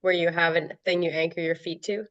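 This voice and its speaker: A woman's voice: lowish voice, fairly even intonation, a little fast, a bit bright, dull audio. A woman co-hosting a casual fitness podcast. She mostly answers with short agreements and practical coaching tips. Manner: brief agreeing replies, practical coaching suggestions. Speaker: podcast co-host.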